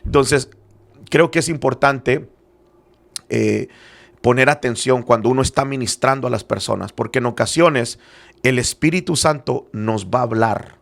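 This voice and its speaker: An Arizona-based church apostle of Spanish-speaking background, a middle-aged man, discusses faith in an earnest, conversational way peppered with hesitant fillers. His voice has medium pitch, vocal fry and a normal speed.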